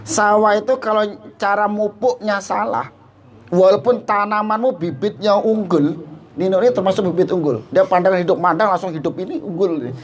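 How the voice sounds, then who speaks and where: Man, high voice, humorous preacher, talks straight to listeners. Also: normal speed. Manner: jokey, addresses listeners directly, mixes in Javanese phrases. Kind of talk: humorous religious talk.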